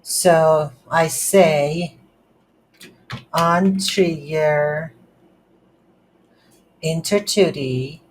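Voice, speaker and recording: A game development tutorial instructor narrates an unscripted screen recording slowly and hesitantly, thinking aloud in short phrases. The medium-pitched voice has fairly even intonation. Audio quality is poor, with faint background noise.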